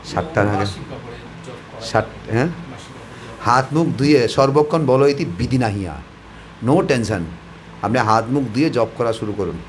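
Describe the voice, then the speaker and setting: A man's voice: medium pitch, unhurried, long pauses, slight background noise. A devotional preacher, a man, giving practical instructions and coaxing his audience to ask questions. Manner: coaxing, instructive, urging the audience with repeated commands. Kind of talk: devotional question-and-answer talk.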